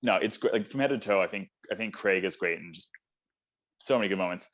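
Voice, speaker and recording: A man's voice: low-pitched, quick pace, a bit bright. A man co-hosting a casual film chat, talking enthusiastically and rambling with lots of fillers. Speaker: podcast co-host. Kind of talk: casual chat about films. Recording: dull lo-fi audio.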